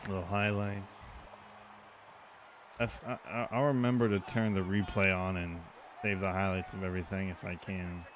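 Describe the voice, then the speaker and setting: A man commenting out loud on his own football video game, reacting excitedly to each play. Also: sits low, moderate pace, background noise. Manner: excitable, reacting to plays aloud. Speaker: gaming channel host.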